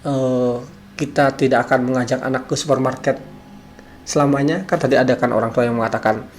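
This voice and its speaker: A man giving a parenting lecture, explaining calmly and posing rhetorical questions. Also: mid-range voice, fairly quick, a little hiss or hum. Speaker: parenting speaker.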